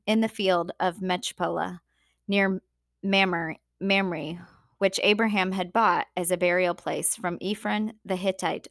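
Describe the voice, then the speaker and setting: A woman reading a Bible passage aloud and then giving a devotional talk that asks the listener gentle questions. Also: fairly low pitch, no room sound, studio quality. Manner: steady unhurried reading with small slips.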